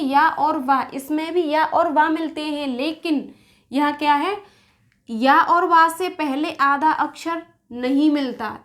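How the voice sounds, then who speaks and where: High-voiced woman teaching a patient lesson. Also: a bit bright. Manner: patient, repeats and rephrases points. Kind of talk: explaining a grammar lesson.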